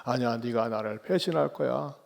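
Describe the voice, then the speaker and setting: A man voicing a calm, grave male teacher foretelling a betrayal. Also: medium pitch, moderate pace, gravelly, big-room sound, pitched below the performer's own voice.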